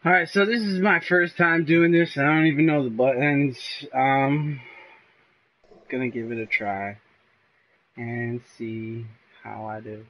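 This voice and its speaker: A man's voice: mid-range voice, little pitch movement, unhurried, lo-fi sound, a little hiss or hum. A young man playing a horror game for the first time, joking, swearing and taunting the other players. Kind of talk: casual gaming chat.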